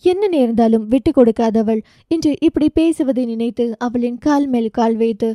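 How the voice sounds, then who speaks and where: A woman's voice: a little high, normal speed, mellow, dry recording, clean studio sound. A woman with a Tamil accent reading a romance audio novel aloud, with emotive storytelling.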